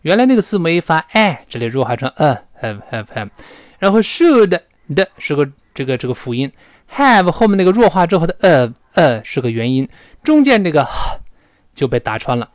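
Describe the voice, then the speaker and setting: Lively Chinese man teaching English. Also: fairly high pitch, dry recording. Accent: Mandarin-speaking teacher. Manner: lively, drawls out English words slowly to model them. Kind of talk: recorded English pronunciation lesson.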